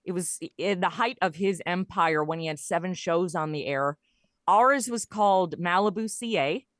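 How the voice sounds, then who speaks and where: A middle-aged woman appears as a podcast guest, a comedy writer and audio performer who chats in a casual, jokey, informal way. Her voice is fairly low and her pace moderate, recorded with clean studio sound and no room echo.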